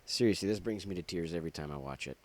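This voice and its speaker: Deep-voiced, jokey man. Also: racing. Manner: jokey, rambling, full of puns and asides. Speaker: laserdisc collector. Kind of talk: casual show-and-tell vlog.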